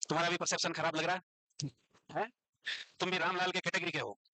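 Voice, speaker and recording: A man with an Indian accent teaching a nursing class online, dictating English definitions slowly and quizzing his students. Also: high-pitched, little pitch movement, pushed and bright, no echo, rough recording. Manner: teasing, scolds students playfully.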